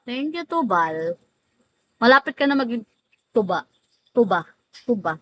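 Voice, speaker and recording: A woman on the high side, with big pitch swings and a pushed, bright tone, talks a little slowly. As host of a casual livestream she greets viewers, teasing them by name, drawing names out and laughing often. Slight background noise marks the rough recording.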